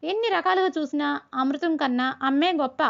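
A high, earnest storybook schoolboy, as a woman puts him on, pleading and insisting without letting up. The recording is dull and lo-fi. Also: moderate pace, creaky. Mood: distressed. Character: pleading schoolboy arguing with gods.

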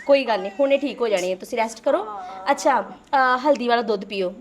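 A woman's voice: a little high, a little fast, lightly acted. A young woman acting as a polite, educated and patient helper in a family drama. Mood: soothing. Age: young adult. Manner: polite, soothing, respectful.

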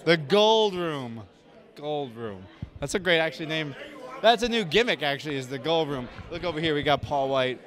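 A man's voice: on the high side, expressive, moderate pace, fairly bright tone, a faint crowd. A man in his thirties hosting a casual walking tour of a convention hall, joking and self-deprecating, talking into a handheld mic. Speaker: host. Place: large convention hall indoors.

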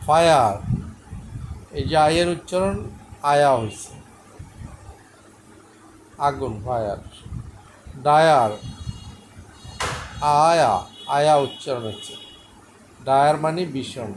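A man with a slightly high, animated voice gives a patient English pronunciation lesson. He spells each letter and sound out slowly and says every word twice, over a faint hiss of noise.

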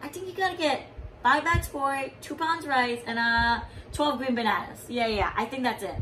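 A woman's voice: sits high, moderate pace, a bit bright, far from the mic, slight background noise, poor audio. A woman voicing a friendly, laid-back male food vendor with magic, speaking Hawaiian Pidgin in a joking, easygoing way. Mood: musing.

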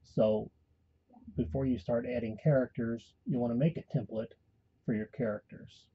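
A man calmly giving a step-by-step voice-over tutorial for a tabletop game tool. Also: mid-range voice, moderate pace, slightly rough, dull audio. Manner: calm step-by-step instruction. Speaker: tutorial host and game master. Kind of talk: screen-recorded software tutorial.

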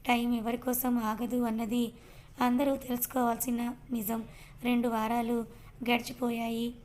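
A woman narrating an audio story in a soft, even reading voice. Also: fairly high pitch, normal speed, a little hiss or hum.

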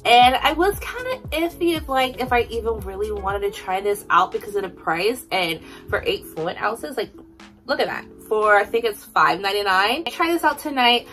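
A young woman vlogger in her twenties talks through her shopping haul from a room at home, chatty and upbeat with lots of likes and ums. She speaks at normal speed in a mid-range, slightly bright voice with lively intonation, and faint music plays behind her.

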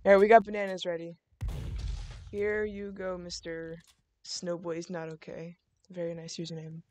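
A woman's voice: on the low side, flat delivery, normal speed, darkish tone, slight background noise. A woman hosting a gaming video, chatting casually while running a game restaurant, with lots of fillers and laughter. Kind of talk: casual gameplay chat.

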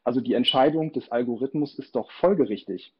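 A man's voice: mid-range voice, husky. Formal male moderator, dull lo-fi sound. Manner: measured, formal questioning. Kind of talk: interview questions.

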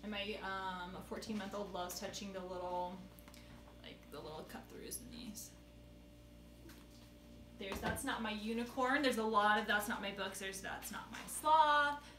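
A woman's voice: medium pitch, steady tone, moderate pace, noisy background. A young woman showing children's books in a casual way, chatty, and playfully reading lines aloud. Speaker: children's book seller. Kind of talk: casual book showcase. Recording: roomy echo.

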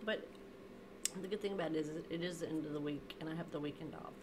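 A woman's voice: sits low, fast talker, noisy background. A woman casually chatting to herself while playing a game, muttering her comments. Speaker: game player.

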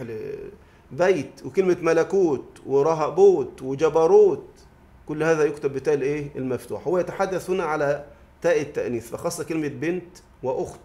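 A man's voice: on the high side, a little mellow. A man teaching a grammar lesson in a mosque study circle, often asking the class a question and then answering it himself. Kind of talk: classroom lesson explaining verse.

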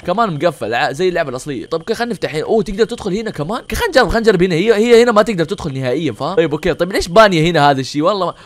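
Young male gaming host; very fast, slightly high, jokey and excitable. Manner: joking, teasing, excitable. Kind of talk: let's-play commentary.

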